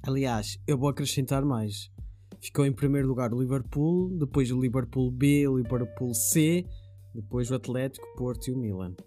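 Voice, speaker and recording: A man's voice: medium pitch, normal speed, mellow, faint music behind. A man hosting a casual football podcast with a playful, wordy way of presenting. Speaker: podcast host.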